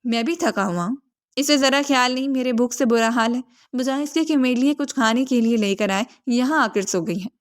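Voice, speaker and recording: A woman's voice: a little high, natural voice. A woman voicing a bossy, possessive young husband. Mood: demanding. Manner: demanding, complaining.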